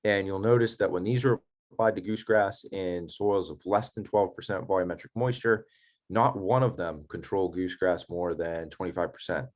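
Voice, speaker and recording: A man's voice: low voice, steady tone, moderate pace. A man giving a technical lecture on herbicides in a folksy, practical way, with many casual fillers. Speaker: turf science presenter.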